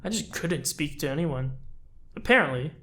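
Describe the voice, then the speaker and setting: An animated, forceful voice, bright and fairly high, belongs to a French-speaking YouTuber and animator in his twenties. At a moderate pace he casually reflects on his channel, dropping chatty, self-deprecating comments along the way.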